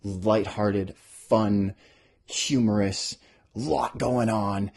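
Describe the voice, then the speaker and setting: A man talking casually as an author hosting a podcast, animated and often interrupting himself as he thinks aloud. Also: fairly low pitch, extremely slow, creaky. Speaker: author hosting a podcast about their own book. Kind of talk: casual rambling talk with bits read aloud.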